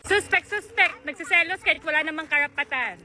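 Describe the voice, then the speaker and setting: Young woman vlogger, high and playful, giggly teasing, noisy street background. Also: animated, a little slow, bright, forceful tone. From Philippines. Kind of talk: casual teasing chat.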